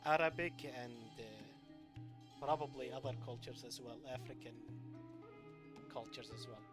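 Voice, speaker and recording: A man's voice: medium pitch, normal speed. A man from Iraq streaming a game, talking in a rambling, hesitant way with many fillers. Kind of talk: live gameplay commentary. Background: game music.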